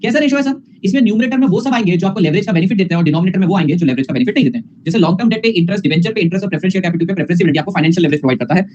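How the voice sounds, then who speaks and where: A man's voice: sits high, racing, few pauses, a little mellow, muffled recording, a little hiss or hum. A man teaching an online finance class, repeating formulas and calling his students "beta", with a teasing manner.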